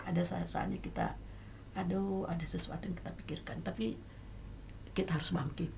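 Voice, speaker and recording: A middle-aged woman with an Indonesian accent, talking as a guest songwriter in a casual talk show chat, hesitant with many fillers but lively and emphatic. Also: on the low side, a little fast, gravelly, background noise. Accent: Indonesian, Batak.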